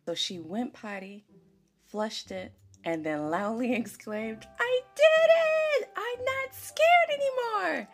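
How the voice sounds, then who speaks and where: A woman hosting a podcast tells a personal story in a casual, chatty way, laughing often and checking in with the listener. Her voice is fairly low in pitch with vocal fry.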